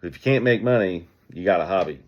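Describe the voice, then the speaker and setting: A man speaking as a business owner, telling stories and giving advice in an energetic, conversational way. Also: low-pitched, fast, muffled recording. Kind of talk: casual motivational talk.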